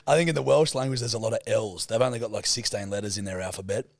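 A young man with an Australian accent in casual podcast banter, teasing, laddish and quick to swear. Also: lowish voice. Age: young adult. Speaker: podcast co-host. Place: indoor podcast set on couches. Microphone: close boom-arm podcast microphone.

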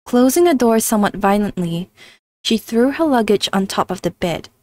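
A woman's voice: mid-range voice, expressive, moderate pace, darkish tone, a little hiss or hum. A woman streamer reading game narration aloud with earnest storytelling and wry asides.

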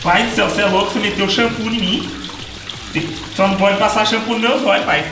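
A man's voice: high-pitched, steady tone, quick pace, echoey room, noisy background. A man voicing his young male pet dog, who whines and pleads while being bathed. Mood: whiny.

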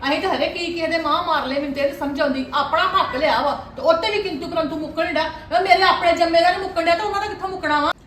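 An actress playing a fast-talking mother who scolds her stubborn son in a family drama. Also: extremely high pitch, steady tone, fairly bright tone, echoey room, far from the mic, a little hiss or hum. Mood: scolding. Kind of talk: web series family drama acting.

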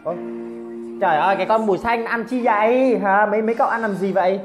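Excitable woman commentating a game. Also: medium pitch, fast, music in the background. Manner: exclamatory, teasing opponents, frequent cries of surprise. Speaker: gameplay commentator.

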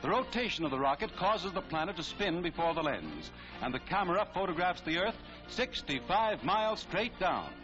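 A man narrating a 1940s newsreel in a brisk, declamatory announcer's manner, heard on an old newsreel soundtrack. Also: high voice, very animated. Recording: dull lo-fi archive film audio with music.

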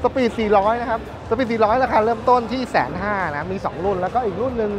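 A man in his thirties presenting bikes at a busy indoor motor show in a lively, chatty way, speaking into a lapel mic. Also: high voice, quick pace, crowd noise. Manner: lively, chatty, points things out. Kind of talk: casual walkaround presentation. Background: music.

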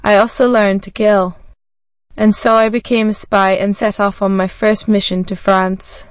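Smooth, dry-voiced woman narrator. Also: mid-range voice, no echo. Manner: even, measured reading that voices every symbol literally. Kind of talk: scripted narration of a graded reader.

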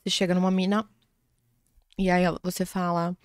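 A woman's voice: on the low side, flat delivery, fairly quick, no room sound. A young woman, a podcast guest in casual chat, talking playfully and acting out bits of dialogue. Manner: chatty, playful, acts out little quoted dialogues.

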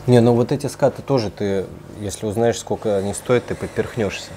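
In a room with large aquariums, a man leads a casual vlog tour for his aquarium series, sounding informal, slangy and excited. He talks fairly quickly, his voice low-leaning and dark in tone, with noticeable background noise in the recording.

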